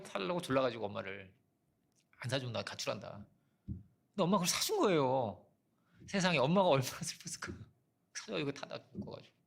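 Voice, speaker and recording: A man's voice: a little high, vocal fry, fairly bright tone, breathy edge. A middle-aged male pastor giving a conversational sermon with personal stories and rhetorical questions. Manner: conversational preaching with frequent rhetorical "어?"; storytelling with personal anecdotes.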